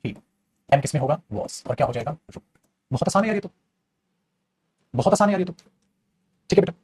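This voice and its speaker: A man teaches grammar to a classroom, repeating each point and drilling his students. He talks very quickly in a somewhat raised voice with a husky edge. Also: sits high, lively intonation, darkish tone. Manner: addresses students as beta, repeats and drills, switches between languages. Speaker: English teacher.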